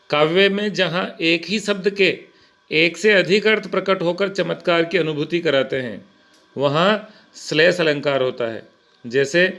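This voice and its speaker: A man teaching Hindi grammar, reciting verse slowly and then explaining each example. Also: a little high, pushed and bright.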